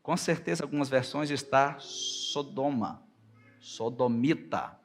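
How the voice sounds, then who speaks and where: A man with a Brazilian Portuguese accent preaching a sermon as pastor, slowing to stretch out scripture readings and climbing to loud, high passages when he quotes God and Moses. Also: soft background music.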